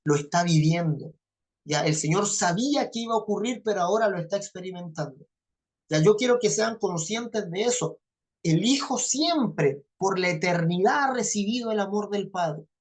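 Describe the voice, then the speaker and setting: A woman leads a Bible class in an even lecturing voice. She checks often that her listeners are following. She repeats key phrases to stress a point. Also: mid-range voice, normal speed. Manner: checks understanding with frequent "¿ya?". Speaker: Bible teacher.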